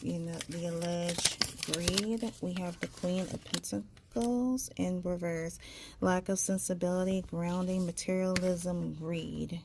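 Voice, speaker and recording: A woman doing a casual tarot reading, halting and repeating herself as she searches for words, her articulation slightly impeded by a tongue piercing. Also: lowish voice, darkish tone, slight background noise. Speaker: tarot reader.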